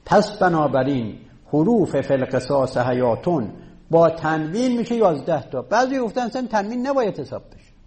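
Guy teaching a class, slightly high voice, walks through it point by point. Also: lively intonation, darkish tone. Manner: explains step by step, counts items aloud; takes student questions. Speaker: teacher of Arabic rhetoric. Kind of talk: classroom lecture.

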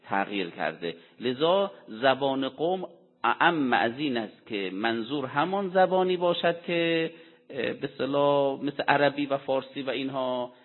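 A man giving a Quran commentary lecture, explaining deliberately and answering his own rhetorical questions. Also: medium pitch, expressive. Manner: poses rhetorical questions and answers them himself; deliberate, explanatory delivery with Arabic quotations. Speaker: religious lecturer. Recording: tinny phone-like sound with long hall reverb.

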